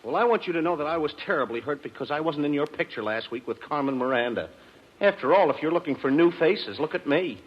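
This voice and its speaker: A man's voice: on the high side, animated, fast talker, breathy edge. A man acting a pleading, whiny sound man in a 1940s radio comedy. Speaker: comic actor playing a sound man. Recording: dull 1940s radio broadcast.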